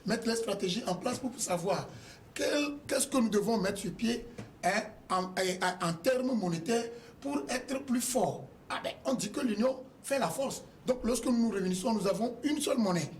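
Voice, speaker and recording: A man's voice: high-pitched, animated, moderate pace, slight background noise. A man speaking as a guest on a TV panel, hesitating and searching for words. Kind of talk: TV panel discussion.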